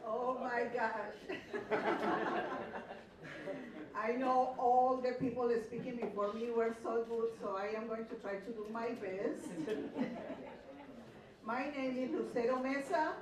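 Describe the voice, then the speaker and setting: A woman's voice: on the high side, normal speed, few pauses, crowd noise. An older woman from Colombia, earnest and a little nervous, telling her story at a rally. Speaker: rally speaker. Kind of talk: personal testimony speech. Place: hotel event hall. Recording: echoey hall from far off.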